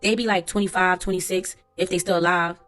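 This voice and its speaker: A woman reading aloud a court transcript as the words of a young male witness, in a plain, unhurried voice full of street slang, with faint music behind her. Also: lowish voice, steady tone, a bit bright, natural voice.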